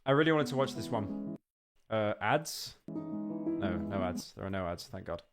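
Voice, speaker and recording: A young man reacting on a live stream, rambling with stammered restarts and sudden excited outbursts. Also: lowish voice, measured pace, over loud music.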